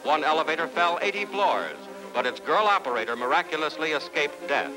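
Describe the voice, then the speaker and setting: A man's voice from an old newsreel soundtrack, pitched a little high and swooping up and down as he announces the news. His delivery is brisk and declamatory in the 1940s style, with music playing under him. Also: sing-song, poor audio.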